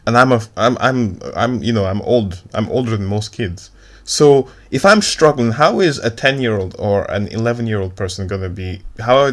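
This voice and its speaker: A man giving an opinionated, emphatic response commentary, often stumbling and repeating words. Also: lowish voice. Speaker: YouTube commentator.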